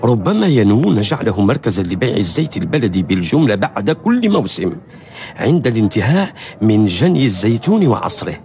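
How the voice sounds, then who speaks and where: A man's voice: fairly low pitch, very animated, brisk, dark tone. An actor playing a cautious, fearful townsman in a historical radio drama, admonishing in formal Arabic. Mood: musing. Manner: admonishing, wary. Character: cautious, fearful male friend urging silence.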